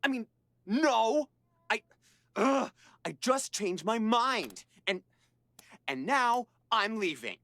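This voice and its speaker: An insecure, excitable young man for a video game. His pitch leaps around as he stammers nervously, yet the pace stays slow and halting. The sound is close and dry. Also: dry recording, exaggerated voice. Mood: flustered. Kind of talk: video game character acting.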